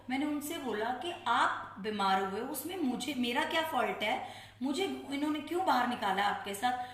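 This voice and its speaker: A woman's voice: sits high, a bit bright, roomy sound. A middle-aged woman from India giving an emotional personal testimony to a devotional group, acting out the people she quotes. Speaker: satsang speaker.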